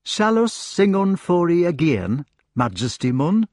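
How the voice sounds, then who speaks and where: A man's voice: on the high side, big pitch swings, unhurried, darkish tone, no echo, clean studio sound, voice pushed up. A man voicing a humble, shy male hedgehog in a storybook, speaking in a broad West Country rustic dialect with earnest eagerness.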